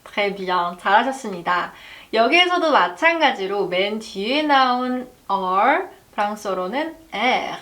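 Woman, language teacher, slow deliberate pace, slightly high voice, careful pronunciation drills. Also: expressive, fairly bright tone. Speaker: French teacher. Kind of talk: language lesson.

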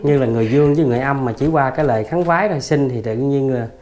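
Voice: mid-range voice, racing, a little mellow. An interviewer with a Southern Vietnamese accent, asking short prompting questions in a casual interview. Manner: brief prompting questions and backchannels.

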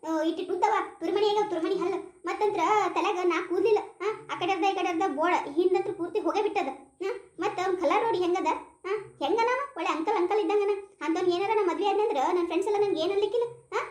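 Woman voicing a defiant young woman, mocking, North Karnataka Kannada accent, high quick voice, cartoon, echoey room. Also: a little mellow. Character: stubborn young woman refusing a match. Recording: roomy echo.

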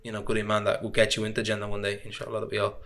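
A man's voice: lowish voice, completely flat delivery, rapid-fire, creaky, fairly bright tone. A man with a Dublin Irish accent talking earnestly and colloquially as a guest in a casual podcast conversation. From Ireland. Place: small living room, seated at a table. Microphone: boom-arm podcast microphone.

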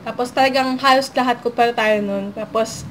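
A young woman from the Philippines talks straight to her viewers in a loose, rambling way, circling back with fillers and sounding apologetic and a little sad. Her voice sits a bit high, and there is a faint hum of background noise. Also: fairly even intonation, normal speed, a bit bright. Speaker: vlogger and online story writer. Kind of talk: casual talk to camera.

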